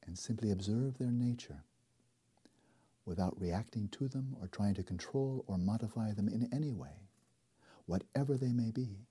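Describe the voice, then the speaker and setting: A man leading a guided meditation as a teacher, speaking slowly and softly with deliberate pauses and a husky edge. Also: lowish voice. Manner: slow, soft and deliberate, with long pauses.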